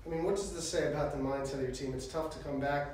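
A man reporter asking measured questions at a press conference. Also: on the high side, darkish tone, slight background noise. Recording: distant, very echoey room.

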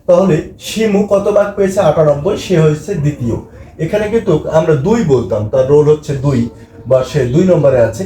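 A man teaching a math lesson for young children, patient and repetitive, counting slowly with fillers. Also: on the high side, warm tone. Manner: patient, repeats words, slow counting with fillers. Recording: echoey room with faint noise.

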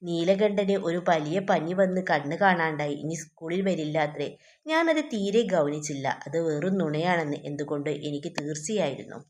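A woman's voice: sits low, moderate pace, a little mellow. A woman teacher reading a textbook story aloud and explaining it to students, often asking them questions. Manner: addresses students directly with questions.

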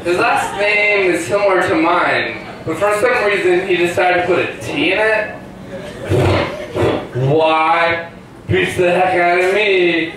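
A man's voice: high-pitched, slow, a crowd in the background. A man hosting a cafe open mic night, introducing comedians with jokey, teasing lines. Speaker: guest host. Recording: echoey room, distant mic, noise.

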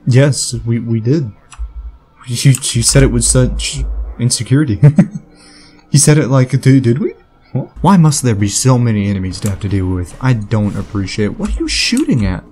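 A man hosting his gaming channel, giving chatty, excitable let's-play commentary and talking back to the game. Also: mid-range voice, normal speed.

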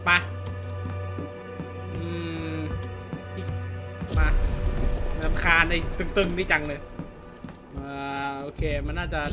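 A man gives crude, excitable play-by-play on a horror game, his voice sitting on the high side. Loud game music plays under his talk. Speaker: gaming channel host.

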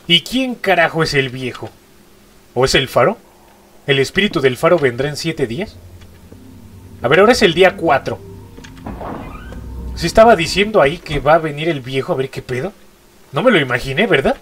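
Stuffy-nosed Mexican gamer, jumpy. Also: male voice, fairly high pitch, a bit bright. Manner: jumpy, repeats short exclamations. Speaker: gaming YouTuber. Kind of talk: horror gameplay commentary.

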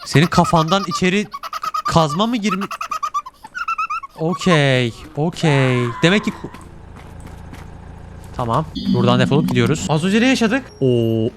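Young guy gaming streamer, kinda high voice, rants and swears at the game, faint hum behind. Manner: excitable, swears a lot, talks to chat. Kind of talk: casual gameplay commentary.

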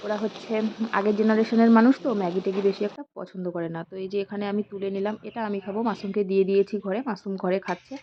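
A woman narrates her home cooking vlog in a quick, chatty ramble, as if the viewers were friends. Her voice is mid-pitched. The audio is dull and lo-fi, with faint background noise. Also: darkish tone. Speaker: vlogger, housewife. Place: home kitchen and yard.

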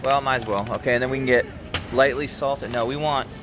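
American man, casual vlog, handheld camera, mid pitch, joking crude banter, noisy recording. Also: fairly quick. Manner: relaxed, crude, boastful joking. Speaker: retro game store owner. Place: store, parking lot and supermarket.

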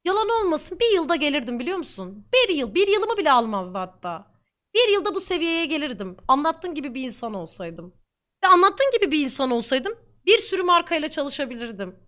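A woman streamer speaks bluntly and defiantly, talking at length. Her high voice is bright and lively, swinging widely in pitch. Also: fairly quick. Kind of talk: reacting to comments on camera.

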